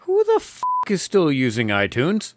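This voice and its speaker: A man's voice: a little high, huge pitch swings, moderate pace, no echo. A man co-hosting a podcast in casual chat, blunt and swearing freely. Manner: blunt, profane. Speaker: podcast co-host.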